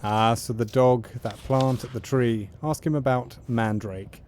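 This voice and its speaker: A man's voice: mid-range voice, fairly even intonation, a little slow, darkish tone, a little hiss or hum. A man casually talking through a game as a let's-play host, musing aloud about what to do next. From United Kingdom. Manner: musing, talks himself through choices. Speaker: gaming channel host.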